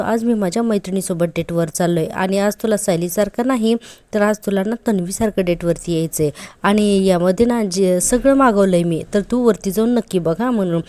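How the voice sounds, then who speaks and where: A woman's voice: medium pitch, mellow, dry recording. A woman retelling a TV serial episode in a chatty, casual way, quoting the characters' lines in her own voice and adding admiring asides. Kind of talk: casual episode recap narration.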